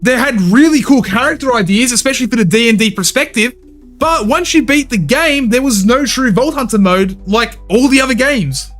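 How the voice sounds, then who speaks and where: Opinionated high-voiced male games commentator. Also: expressive, moderate pace, fairly bright tone, faint music behind. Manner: opinionated, blunt, swears casually. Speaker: gaming commentary channel host. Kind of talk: scripted video commentary.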